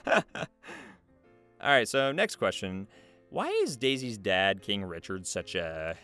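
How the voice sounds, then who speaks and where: Over video game music, a man reads interview questions and answers in a playful, jokey, casual way, like scripted narration. His voice sits low and sounds pushed and bright, with a clean tone.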